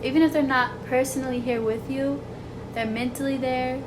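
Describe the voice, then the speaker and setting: A young adult woman vlogger speaks straight to her viewers in a heartfelt personal talk, her soft, sweet, almost childlike voice sitting a little high. Earnest and rambling, she lets her thoughts spill out between constant "like"s and "you know"s, in a steady tone at normal speed, with background noise.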